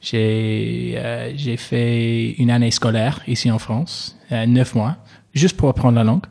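A man's voice: mid-range voice, fairly even intonation, slow, creaky, darkish tone. A young man from England in his twenties, speaking French as a learner with an English accent, hesitant and full of fillers. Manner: hesitant, many fillers and repeated yes. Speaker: interviewee. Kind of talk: casual conversation.

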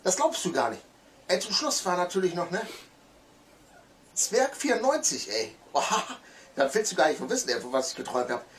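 A man doing a drowsy, grumpy sleeper who rambles on in quick bursts, his voice fairly high and lively. He sounds just woken by a phone and grumbles his way through the call. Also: a little hiss or hum.

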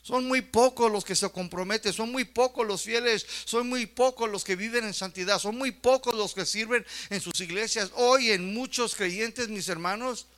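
A male preacher with a high, ringing voice delivers a fervent sermon. He keeps turning to his congregation with rhetorical questions and calls to his brothers. His tone is bright and forceful. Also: normal speed, hardly any pauses.

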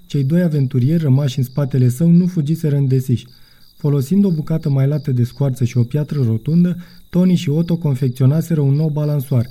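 Man narrating a children's story, dark tone. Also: a little high. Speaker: audiobook narrator. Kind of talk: scripted narration.

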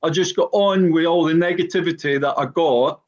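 An older Scottish man with a broad Glaswegian accent and a slightly high-set voice. He reminisces in a blunt, plain-spoken way as a guest on a panel. The sound is dull and lo-fi, like an internet call. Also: moderate pace. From Glasgow, Scotland. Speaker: former professional footballer, podcast guest. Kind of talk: personal reminiscence on a panel talk.

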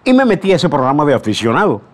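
A man's voice: on the high side, very animated, very fast. An older man, a veteran radio announcer, telling anecdotes in an interview. He speaks animatedly, acts out dialogue and often restarts his words.

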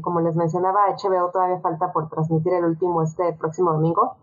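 Casting note: woman guest with a lowish voice, halting and thoughtful delivery, dull lo-fi recording. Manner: thoughtful, halting, many fillers. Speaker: podcast guest. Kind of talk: casual chat. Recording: dull lo-fi sound.

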